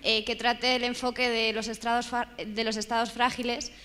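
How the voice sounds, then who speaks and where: A woman in the audience asking a question, nervous, rushed and halting. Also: fairly high pitch, level tone, sharp tone. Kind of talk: question from the floor. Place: large lecture hall. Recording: reverberant hall.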